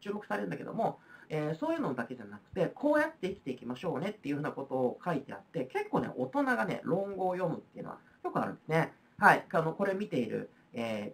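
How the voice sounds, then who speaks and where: A woman with a Kansai accent teaching a history lesson on video, explaining in a chatty way with frequent fillers. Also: sits low. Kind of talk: recorded video lecture.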